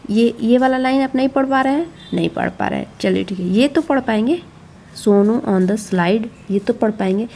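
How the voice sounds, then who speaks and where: Woman host, mellow voice, coaxing teacher-like explainer, light background noise. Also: medium pitch. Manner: coaxing, reassuring, repeats herself often. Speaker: channel host explaining a schoolbook to parents. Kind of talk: explaining a schoolbook to parents.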